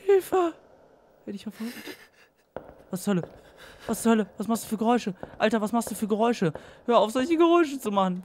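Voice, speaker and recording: A man's voice: sits high, a little hiss or hum. Scared young man narrating a horror game. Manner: jittery, talks to himself, swings between loud outbursts and near-whispers; repeats phrases nervously. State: scared and tense. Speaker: let's play gamer.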